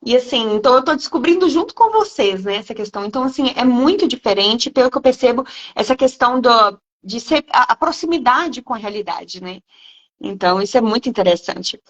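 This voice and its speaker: A woman hosts a live stream and reacts to her guest with curiosity. Her pitch moves a lot, and it sits a bit high. The audio sounds dull and lo-fi. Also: a little fast. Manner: lively, curious, reacting with interest. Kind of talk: casual live-stream interview.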